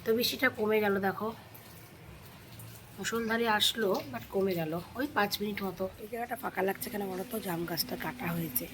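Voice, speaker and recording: A woman with a hoarse voice chatting directly to her viewers in a casual home vlog, filmed on a handheld phone. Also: mid-range voice, brisk, background noise. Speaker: vlogger. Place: at home, indoors and on a balcony.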